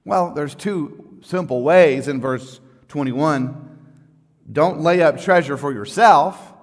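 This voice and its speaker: A man preaching a sermon as pastor, conversational and folksy, swinging from quiet asides to loud emphatic lines. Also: mid-range voice. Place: church sanctuary. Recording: church sanctuary with long reverb.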